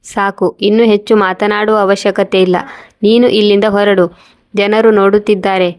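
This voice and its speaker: Stern cold little brother guy, read by a woman, firm, flat tone. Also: medium pitch, moderate pace, no room sound, studio quality, natural voice. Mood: dismissive. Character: stern dismissive younger brother, a man.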